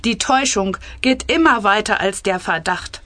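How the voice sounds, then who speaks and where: A woman's voice: medium pitch, moderate pace, a bit bright, no echo, natural voice. A woman reading aloud as a sly, grinning male health minister in a satirical cabinet story.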